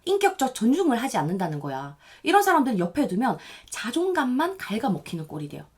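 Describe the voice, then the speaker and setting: A woman's voice: a little high, wildly swooping pitch, fast talker, breathy edge. A woman giving relationship advice straight to her viewers, explaining patterns step by step and moving between polite and casual speech. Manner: acts out short quoted remarks in dialogue. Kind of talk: direct-to-camera advice talk.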